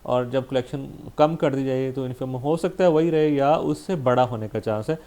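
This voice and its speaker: Mellow-voiced man lecturing on math. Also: mid-range voice, normal speed. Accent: Pakistani Urdu. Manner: explains step by step, frequent "theek hai ji" checks; mixes English math terms into Hindustani. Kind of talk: recorded lecture.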